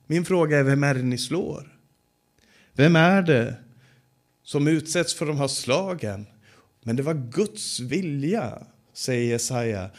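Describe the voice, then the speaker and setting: A man preaching a sermon as a Bible teacher, stressing words loudly and then dropping to slow, quiet passages, often repeating key phrases. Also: a little high. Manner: emphatic preaching that swings between loud stress and slow, hushed passages. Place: Bible conference gathering.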